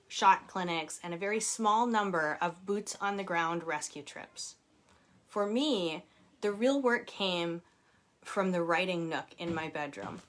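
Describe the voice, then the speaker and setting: At home with her children nearby, a woman author reads her own book aloud in a mid-range, slightly bright voice. She laughs often and keeps breaking off into chatty personal asides.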